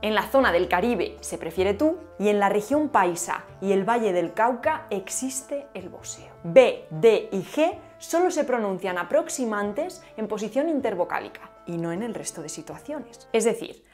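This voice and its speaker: A woman with a Spain Spanish accent teaches in a lively, playful way and stops often to demonstrate sounds. She speaks at a middling pitch. Soft music plays faintly underneath. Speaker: linguistics video host. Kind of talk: explanatory video lesson.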